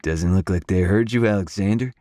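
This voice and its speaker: A man's voice: low-pitched, fairly quick, warm tone, dry recording, lightly acted. An audiobook narrator voicing a grown man who is amused by his nephews. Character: amused grown older brother, chuckling.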